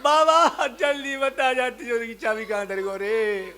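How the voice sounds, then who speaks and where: A man's voice: very high voice, little pitch movement, unhurried, pushed and bright, full character voice. A male comedian voicing village women who wail and keen in a sing-song way over a dead old man.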